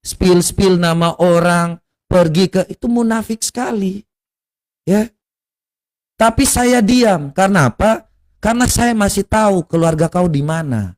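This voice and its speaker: A man's voice: sits high, measured pace. A man from in eastern Indonesia, delivering a confrontational online rant full of taunts, rhetorical questions and mocking laughter. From Kupang, East Nusa Tenggara, Indonesia. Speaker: online religious commentator. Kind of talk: confrontational social media rant.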